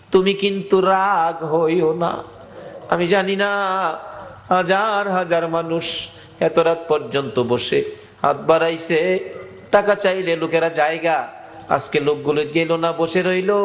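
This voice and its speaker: A high-pitched male preacher with a pours out a wailing, half-sung sermon. He draws his words out slowly and pleads with his listeners. The recording sounds dull and lo-fi.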